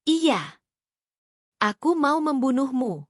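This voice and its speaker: A woman's voice: medium pitch, lively intonation, a little slow, dry recording, clean studio sound. A woman voicing a scheming husband who is exposed and turns angry and menacing in a read-aloud story. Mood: furious. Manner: shouting, menacing.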